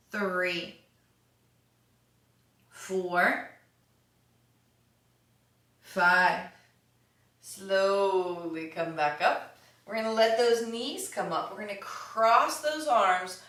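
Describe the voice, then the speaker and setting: Woman yoga teacher counting reps real slow, hiccupy, roomy echo and kinda far from the mic. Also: mid-range voice, fairly bright tone. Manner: slow counting cues, upbeat and encouraging. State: has the hiccups. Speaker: yoga instructor. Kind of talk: guided exercise class. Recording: echoey room, voice from a distance.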